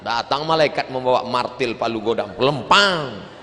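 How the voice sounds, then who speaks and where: A middle-aged man preaching a humorous sermon with animated storytelling, breaking into sung verses. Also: mid-range voice, moderate pace, a little hiss or hum. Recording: long hall reverb.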